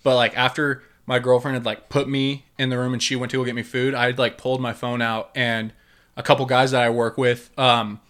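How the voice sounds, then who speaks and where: Bright-voiced rambling guy telling stories. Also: mid-range voice, little pitch movement, brisk. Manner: rambling storyteller, swears freely, lots of "like" and "dude". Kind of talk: casual chat.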